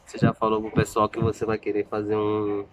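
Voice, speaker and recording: A family vlogger in his thirties from Salvador, Bahia, Brazil, chats casually with his viewers, mocking himself and frequently restarting sentences. He speaks in a lowish, monotone voice at a brisk pace, with a roomy sound and slight background noise.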